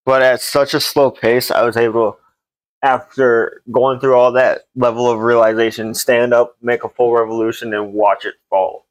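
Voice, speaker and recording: A young man chatting on a podcast who rambles through his anecdotes and leans on fillers. His voice has an average pitch and a dry, close sound with no room echo. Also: flat delivery, normal speed. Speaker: podcast co-host. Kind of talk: casual chat.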